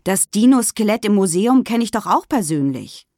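A woman voicing a loud, boastful young schoolboy. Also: medium pitch, moderate pace, no echo, clean studio sound, voice pushed up, close to an everyday voice. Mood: grumbling. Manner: excited, grumbling.

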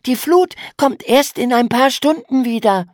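A woman puts on a bright, high little girl's voice for an audiobook, eager and bubbly. Her pitch leaps far above the narrator's own and swings widely. The recording is close and dry. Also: animated, a little slow, dry recording. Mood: excited. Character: young girl, lively eco-minded sister.

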